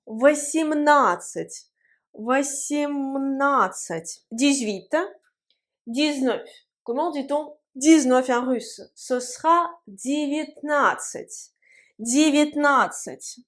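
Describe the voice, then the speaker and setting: A woman teaching a language video lesson, patiently repeating each word and drilling pronunciation at a board. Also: high voice. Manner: patient, drills words slowly and repeats them. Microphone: writing on a board.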